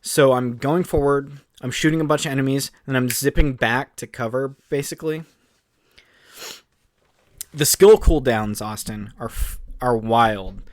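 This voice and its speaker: A man co-hosting a podcast, chatting casually and excitedly in long rambling runs full of fillers. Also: mid-range voice, a little slow. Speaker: podcast co-host. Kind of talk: casual chat.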